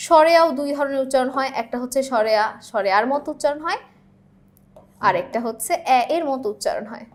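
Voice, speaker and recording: A woman's voice: high voice, expressive, quick pace. A young woman teacher from Bangladesh explaining exam questions in a classroom-style lesson, often checking in with her students.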